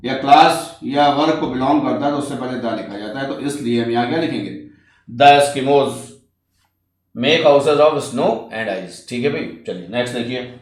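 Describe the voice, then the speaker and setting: A man teaching English grammar in a coaching class, explaining step by step and reading each example sentence out slowly. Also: mid-range voice, roomy sound. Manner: explains step by step, often checks "ठीक है".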